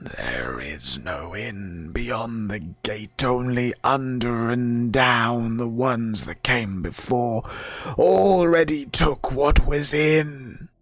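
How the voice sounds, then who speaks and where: A man voicing a solemn, cryptic undead skull that guards a magic door in a tabletop game, with a rasping, breathy, booming voice. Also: fairly bright tone, no echo, heavily acted. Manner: slow, drawn-out, cryptic pronouncements.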